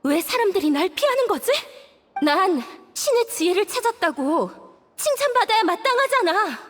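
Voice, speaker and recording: A woman's voice: very high-pitched, very animated, normal speed. A woman playing a young female scholar obsessed with divine wisdom, fervent and pleading, in a dubbed game cutscene. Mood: distraught.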